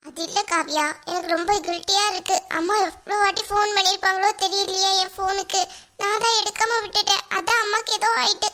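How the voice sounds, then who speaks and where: A woman's voice: very high voice, steady tone, brisk, pushed and bright. A woman voicing a weepy, guilt-stricken young wife in a cartoon, talking in a tearful, pleading way. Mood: guilt-ridden. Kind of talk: cartoon voice acting.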